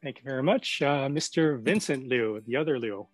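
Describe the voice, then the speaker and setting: A man's voice: medium pitch, normal speed, no echo, faint music behind. A man hosting a commemorative video call, casually calling on guests one by one. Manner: casual, friendly, calls on guests by name. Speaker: event host.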